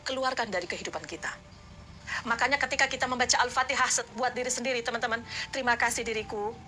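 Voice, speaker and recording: Woman, motivational trainer, live reflection talk, earnest and repetitive, somewhat high, sharp bright tone. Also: fast talker, a little hiss or hum. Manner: repetitive, earnest, addresses listeners as friends.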